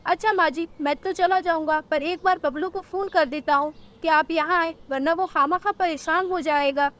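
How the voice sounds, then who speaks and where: A woman's voice: very high-pitched, fairly even intonation, normal speed, fairly bright tone, pitched above the performer's own voice. A woman voicing a helpful male parrot who politely warns and means well, in a cartoon story. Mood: concerned. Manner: polite, warning, well-meaning.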